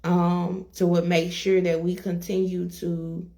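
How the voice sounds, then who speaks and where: A woman co-hosting a casual interview, relaxed and rambling with frequent laughs. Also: on the low side, takes it slowly, creaky. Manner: relaxed and rambling, laughing often, many fillers. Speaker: co-host, interviewer.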